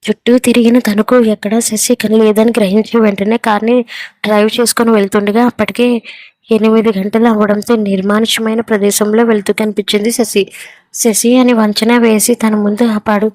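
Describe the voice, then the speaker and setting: Woman narrating a story in a flat voice. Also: medium pitch, a little fast, no echo. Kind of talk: scripted narration of a serial story.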